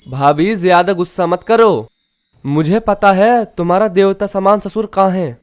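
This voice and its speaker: An actor with a Haryanvi accent playing a coaxing younger brother-in-law. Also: male voice, sits high, normal speed, no echo, faint music behind, natural voice.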